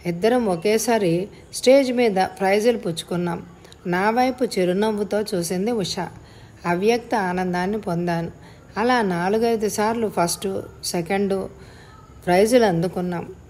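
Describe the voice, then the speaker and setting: A woman narrating a first-person story as an audiobook reader, in a measured, reflective way. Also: mid-range voice, darkish tone, slight background noise.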